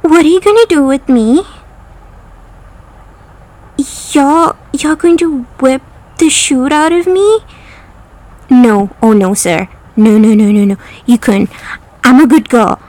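A woman's voice: sits high, measured pace, a little mellow. A woman voicing a prim, flustered female autocorrect program in a comedic parody, talking in a melodramatic, coy and pleading way.

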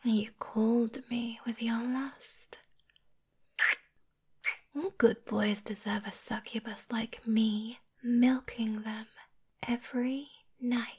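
Woman whispering as a breathy teasing succubus. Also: on the high side, fairly even intonation, slow pace, long pauses, heavily acted. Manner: soft whispering, hushing. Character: seductive female succubus, teasing and possessive. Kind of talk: whispered ASMR roleplay.

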